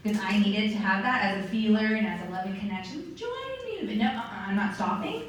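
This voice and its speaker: A woman giving a lively, chatty motivational talk to a meeting of sales directors. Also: medium pitch, fast, crowd noise. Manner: lively, chatty, acts out quoted voices. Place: meeting room or hall. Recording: distant mic in a very echoey hall.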